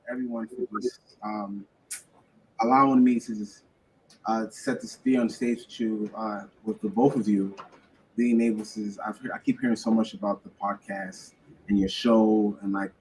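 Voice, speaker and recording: Honduran-born man, radio guest, a bit low, hesitant and filler-heavy. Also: fairly even intonation, moderate pace, a little hiss or hum, poor audio. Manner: hesitant, full of fillers and restarts. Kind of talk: casual radio interview.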